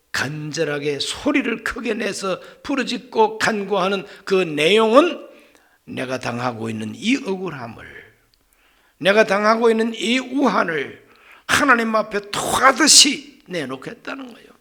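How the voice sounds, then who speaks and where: High, animated man preaching a sermon. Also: unhurried. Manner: dramatic preaching, swinging from hushed whispers to loud exclamations; rhetorical questions to the congregation. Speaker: pastor.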